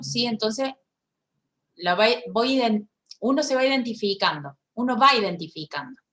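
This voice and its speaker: A woman who gives voice to a signed lecture in first person. She talks haltingly, with restarts and frequent checks for agreement. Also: on the high side, fairly bright tone. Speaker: sign language voice interpreter.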